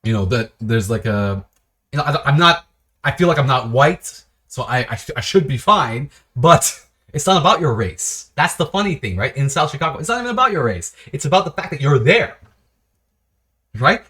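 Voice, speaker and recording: A man hosting his own video series, talking off the cuff in a rambling, animated way, with frequent restarts and short laughs. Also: mid-range voice. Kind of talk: casual unscripted monologue.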